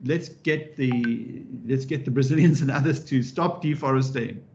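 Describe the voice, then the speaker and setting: A man giving an interactive public lecture as a professor, lively and animated, often restarting his sentences and adding wry asides. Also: medium pitch, moderate pace. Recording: dull lo-fi recording.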